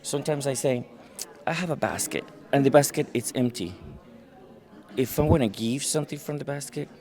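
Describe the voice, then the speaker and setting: This Spanish-speaking man talks briskly in a mid-range, darkish voice, telling his story during a casual interview and mimicking the people he quotes. Conference crowd chatter and faint music sound behind him in the busy hall.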